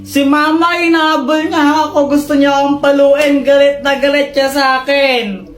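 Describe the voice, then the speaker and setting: A whiny, pleading little boy who keeps getting caught stealing from his mother's wallet, as a woman puts him on. The voice sits high and drags in a slow, sulky way. Loud music plays behind it in an echoey room. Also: steady tone, close to an everyday voice.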